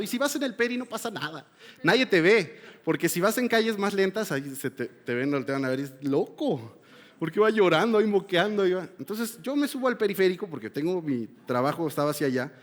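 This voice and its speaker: A man preaching a sermon, moving between loud appeals and hushed, confessional passages. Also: on the high side, sing-song, fairly quick. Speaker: pastor. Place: church hall. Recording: long hall reverb.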